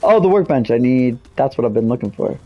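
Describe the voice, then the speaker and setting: A woman's voice: extremely low pitch, expressive, fairly quick, muffled recording. A woman streamer commenting while she plays a video game, rambling and joking, sometimes talking to herself. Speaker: gameplay streamer. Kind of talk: let's play commentary. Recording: game music behind.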